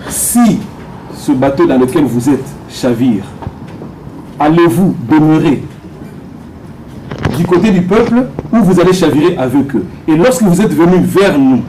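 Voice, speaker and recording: A man's voice: on the high side, expressive, unhurried, pauses often, dark tone, slight background noise, poor audio. A man from Congo, a soldier, putting pointed, insistent questions to a politician at a public meeting. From Democratic Republic of the Congo.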